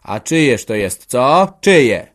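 A man's voice: medium pitch, very animated, takes it slowly, voice pushed up, full character voice. A man voicing a furious old peasant farmer. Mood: angry shouting. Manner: shouting, scornful, threatening. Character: hot-tempered old peasant farmer, domineering father.

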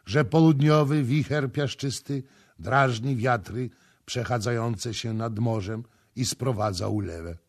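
A shrewd old man answers calmly and knowingly in a husky voice, as a male reader plays him. His pitch sits in the middle, steady and unhurried. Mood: matter-of-fact. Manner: calm, knowing. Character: old shrewd Libyan man, matter-of-fact.

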